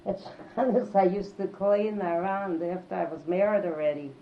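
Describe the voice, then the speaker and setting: An elderly woman reminisces in an interview, halting and repeating phrases for emphasis. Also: lowish voice, fairly even intonation. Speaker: oral history interviewee. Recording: dull, lo-fi tape with faint noise.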